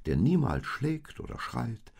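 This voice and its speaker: A man's voice: medium pitch, big pitch swings, measured pace, creaky, a little mellow, breathy edge, voice pushed up, exaggerated voice. A man doing an eager little storybook donkey. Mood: earnest. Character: eager little male donkey, loyal and kind. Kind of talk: storybook reading.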